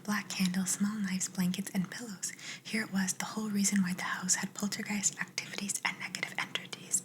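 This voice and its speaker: A young adult woman, an ASMR creator, reading viewers' stories in a soft, steady whisper. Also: mid-range voice, low-quality recording.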